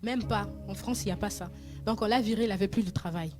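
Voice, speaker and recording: A woman telling a true story as a moral lesson, animated and full of rhetorical questions. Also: medium pitch, fast talker, over music.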